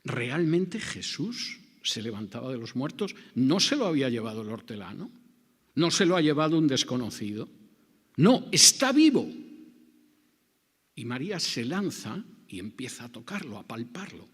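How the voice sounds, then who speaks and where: A male preacher works through scripture in a dramatic, rhetorical way, often acting out the dialogue. His pitch swings widely from phrase to phrase at a medium overall height. The voice carries a long reverberant tail, as if in a large hall. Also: big pitch swings, moderate pace, breathy edge. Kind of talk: expository sermon.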